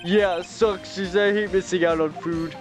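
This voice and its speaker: A man voicing a laid-back male TV director with a slow, drawling slacker manner. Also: high voice, steady tone, music in the background, voice pushed up, close to an everyday voice.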